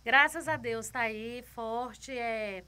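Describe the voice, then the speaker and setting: A woman's voice: on the high side, takes it slowly, sharp tone, clear, resonant tone. A woman guest telling a personal faith testimony, retelling it vividly, repeating words and acting out other people's lines.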